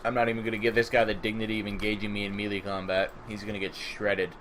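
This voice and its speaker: A sleepy man giving casual let's-play commentary on a strategy game, rambling and thinking aloud. His voice sits fairly low. Faint noise runs underneath. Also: completely flat delivery, quick pace, a bit bright. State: sleepy, just woke up. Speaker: gaming channel host.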